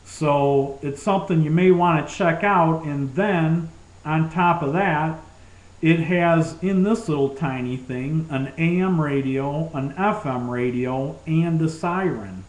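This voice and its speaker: Demonstrating survival gear, a male presenter speaks slowly at a fairly high pitch, keeping things informal and enthusiastic. The recording has a roomy, echoing quality.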